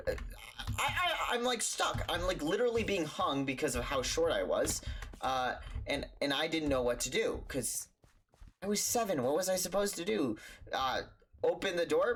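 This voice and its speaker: A man's voice: fairly high pitch, fairly bright tone, a little hiss or hum. A young man telling a childhood story for a storytime vlog, rambling and stammering with lots of fillers.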